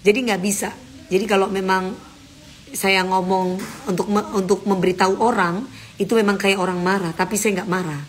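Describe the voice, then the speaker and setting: Hosting an Instagram live, a woman chats casually with viewers, addressing commenters directly in a firm, emphatic way. Her voice is mid-range with a flat delivery and a brisk pace, and the audio carries a slight hiss or hum.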